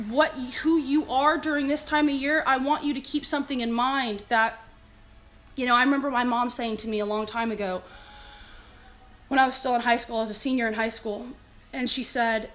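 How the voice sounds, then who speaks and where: Earnest, higher-pitched Californian woman. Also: fairly bright tone. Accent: Californian American. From California, United States. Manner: earnest, emphatic, conversational. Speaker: fitness leader and live streamer. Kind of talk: motivational talk to live stream viewers.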